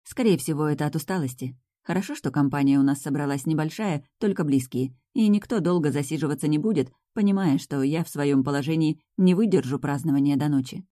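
A woman narrating a first-person audiobook with even, intimate storytelling. Her voice is low and mellow. The recording is dry and close. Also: brisk, hardly any pauses, dry recording.

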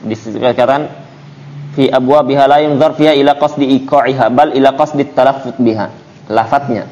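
A man's voice: medium pitch, a little mellow. A man teaching a religious book study, explaining by posing and answering his own questions. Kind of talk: religious lecture. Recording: muffled lo-fi lecture recording with faint hiss.

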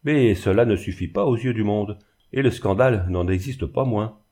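A man's voice: fairly low pitch, moderate pace, darkish tone, natural voice. A man reading the part of a harsh, severe old spinster seamstress in an audiobook. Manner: severe, accusing.

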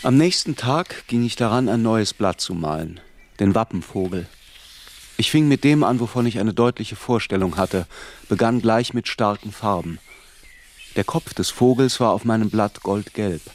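In measured, literary first-person narration, an actor plays a reflective narrator looking back on his youth. His pitch sits fairly low and his delivery is animated.

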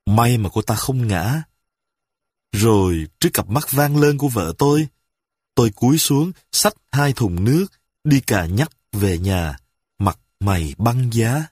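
A man reading a humorous story aloud with lively, dramatic storytelling. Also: mid-range voice, a little slow, breathy edge, no room sound, studio quality.

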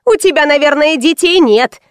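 A woman's voice: high-pitched, lively intonation, normal speed, no echo, clean studio sound, voice pushed up. A woman voicing a weary young mother who answers curtly, in an audiobook. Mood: snapping. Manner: weary, curt. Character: tired, snappish young mother.

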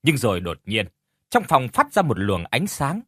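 A man narrating an audio horror story in a measured, expressive storytelling manner. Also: mid-range voice, husky, no room sound, clean studio sound.

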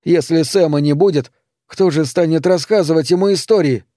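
Мужчина-чтец аудиокниги, мягкий тембр, сухая студийная запись. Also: male voice, on the high side, normal speed, warm tone, no echo, studio quality. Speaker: audiobook narrator. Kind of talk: scripted narration.

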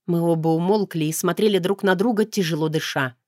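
A woman narrating a first-person audiobook in a smooth, even storytelling manner. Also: on the low side, a little fast, no room sound, studio quality.

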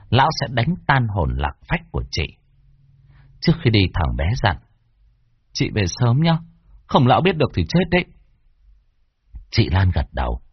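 A man with a husky voice narrating a horror story, expressive with wide swings in pitch. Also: dry recording. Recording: dull lo-fi dry recording.

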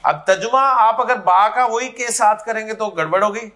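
A man's voice: sits high, pushed and bright. A man teaching Arabic grammar in a classroom lecture, explaining step by step and checking that his students follow.

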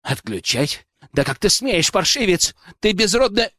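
A man doing a shrill, sneering nobleman. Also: very animated, unhurried, no echo, clean studio sound, heavily acted. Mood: indignant. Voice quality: shrill, nasty high voice. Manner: shouting, sneering. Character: snobbish young male nobleman, arrogant, hot-tempered.

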